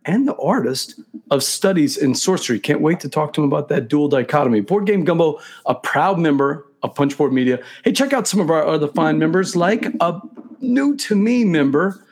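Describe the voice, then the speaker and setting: A man's voice: fairly high pitch, lively intonation, moderate pace, darkish tone, breathy edge. A man hosting a live talk show in a chatty, casual style, speaking straight to his viewers.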